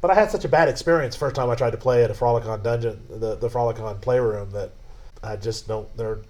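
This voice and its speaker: Rambling, halting man co-hosting. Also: mid-range voice, a little mellow. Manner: rambling, halting storyteller with frequent restarts. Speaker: podcast co-host. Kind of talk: casual chat.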